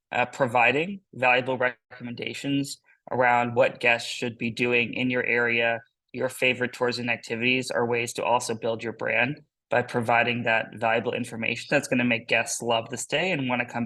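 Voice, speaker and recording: A man, a company founder, hosting and presenting a business webinar in an upbeat, pitch-style delivery. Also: sharp tone, rough recording.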